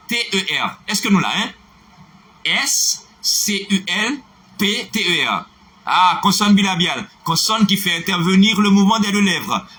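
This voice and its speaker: A man's voice: sits high, sharp tone. A man with a Haitian accent giving a live French pronunciation lesson, spelling words out letter by letter and greeting viewers by name. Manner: spells words letter by letter, checks understanding, switches into Creole. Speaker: French teacher on a live online class. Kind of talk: live-streamed language lesson.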